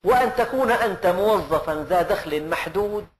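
An older man delivers a sermon of Quran commentary in an earnest style, packed with rhetorical questions and emphatic rises. His voice is high and expressive, a little fast, with a slight hiss or hum on the recording.

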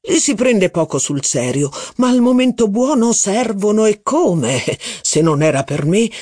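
A man reading aloud voices a blustering, impatient aristocratic duke who talks in loud exclamations. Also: sits high, expressive, measured pace, no echo, clean studio sound, voice pushed up.

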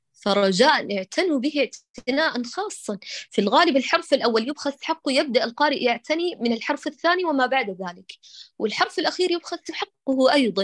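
A woman's voice: fairly high pitch, dry recording. Precise, patient female recitation teacher. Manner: patient, corrective, models sounds slowly and precisely. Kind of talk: one-on-one recitation coaching.

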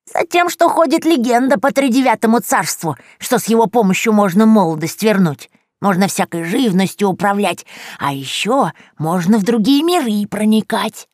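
A woman with a mid-range, slightly mellow voice and lively intonation plays a blunt old witch who sighs and scolds her sister in a telling manner. She speaks at a normal pace, pitched a bit above her own voice yet close to everyday speech, in clean studio audio with no room sound.

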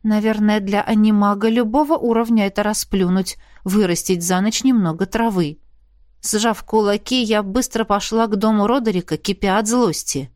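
A woman reading a first-person fantasy novel aloud in a steady, even storytelling voice, close to the mic. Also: mid-range voice, moderate pace, no echo. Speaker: audiobook narrator.

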